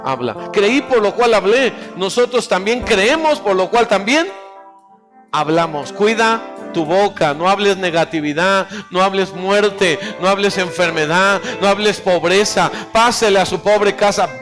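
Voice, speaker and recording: Male pastor, very high voice, fervent sermon, soft asides, music playing behind. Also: lively intonation, unhurried. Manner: fervent exhorting preacher, drops to quiet asides. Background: instrumental music.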